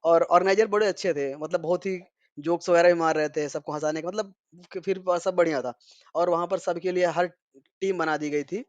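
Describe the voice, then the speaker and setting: A man's voice: on the high side, fairly even intonation, brisk, no echo, highs cut off. A young man from India casually recounting his day in a vlog, chatty and rambling with fillers. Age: young adult. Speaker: vlogger.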